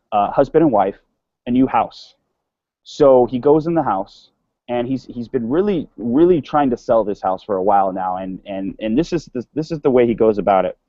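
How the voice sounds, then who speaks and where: A sales instructor with a medium-pitched voice gives a casual online sales course lecture, often repeating words and restarting sentences. The audio is dull, with no room sound.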